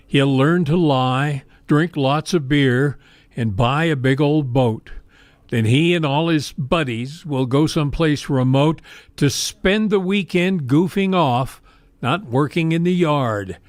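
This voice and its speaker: A man reciting rhymed cowboy poetry as a guest poet, in a measured, rhythmic storytelling delivery. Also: on the high side, no room sound.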